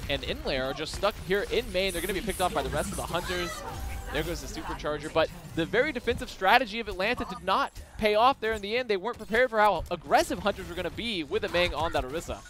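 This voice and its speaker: A man commentating an esports match play-by-play, getting excited as the action builds. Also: high voice, fast talker.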